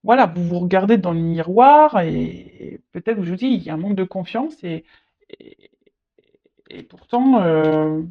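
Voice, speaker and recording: A tarot reader giving a casual reading, speaking haltingly, repeating words and adding frequent tag words. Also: mid-range voice, animated. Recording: dull lo-fi recording.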